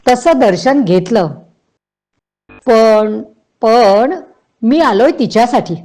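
A woman's voice: fairly high pitch, takes it slowly, mellow. A woman reading as a polite young husband. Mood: earnest. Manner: polite, hesitant.

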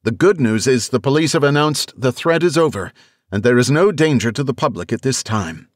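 A man's voice: medium pitch, animated, brisk, no echo, clean studio sound, pitched above the performer's own voice, lightly acted. A man voicing a woman TV field reporter on scene in an audiobook, delivering the news urgently and straining to be heard. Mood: urgent, strained. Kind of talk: audiobook character voice.

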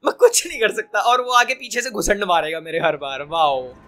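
A young man giving casual, jokey let's-play commentary, excitable and talking back at the game. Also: high-pitched, normal speed. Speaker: gaming commentator.

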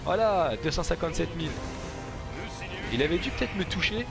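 Higher-voiced man, casual game commentary. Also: lively intonation, a little fast, gravelly, music in the background. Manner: informal, slangy, chatty. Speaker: gaming video host.

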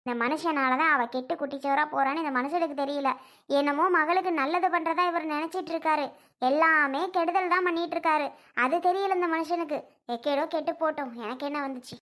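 A woman's voice: high voice, steady tone, fairly quick, a bit bright. A woman playing a stubborn middle-aged mother who scolds her grown daughter and argues with the family in a drama skit. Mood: grumbling. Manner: scolding, argumentative.

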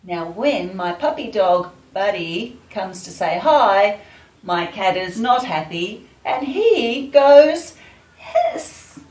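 A woman leading a children's dance class, talking to young kids in a slow, sing-song, encouraging way. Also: mid-range voice, animated, a little mellow. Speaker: children's dance and gym teacher. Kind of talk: leading a kids' movement class. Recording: echoey room, voice from far off, faint music.

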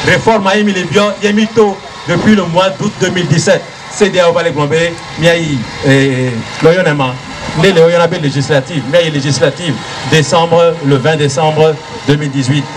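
A middle-aged man with a Togolese accent making an emphatic political speech in short punchy phrases into a handheld microphone at an open-air rally. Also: a little high. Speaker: rally speaker. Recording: noisy outdoor rally sound.

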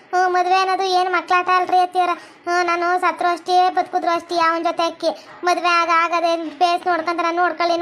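Lady voicing a wronged young daughter-in-law, pleading, north karnataka accent, high and quick. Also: a bit bright. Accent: North Karnataka Kannada. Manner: pleading, defensive. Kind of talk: cartoon comedy voice acting.

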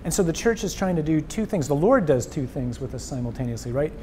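A man hosting a conversational faith discussion as a priest, his voice mellow and warm in tone. He speaks earnestly and with animation, restarting phrases as he thinks. A faint rumble sits under him, recorded indoors. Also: very animated, fast. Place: indoors before a wall of memorial crosses.

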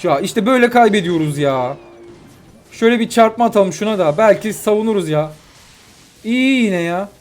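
A young man giving live commentary on his own mobile game matches, excitable and quick to vent frustration at his opponents. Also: high-pitched. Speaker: gaming YouTuber. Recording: faint music behind.

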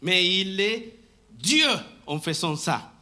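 A man preaching a live sermon in church, slow and emphatic, often restarting his phrases and asking for the next slide. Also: high voice, very animated, sharp tone. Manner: talks to the congregation and asks for the next slide. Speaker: pastor. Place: church sanctuary, indoors.

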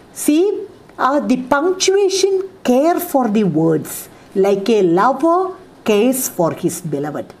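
A woman's voice: fairly high pitch, darkish tone. A middle-aged woman from India with a Kerala English accent, giving a college literature lecture and explaining with repeated examples and many "ah, see" fillers. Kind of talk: classroom lecture.

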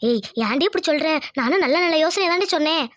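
A woman voicing a scheming, sharp-tongued middle-aged village aunt in a cartoon, with a needling, indignant way of talking. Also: high-pitched, expressive, fast talker, no echo. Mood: plotting. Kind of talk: cartoon dubbing.

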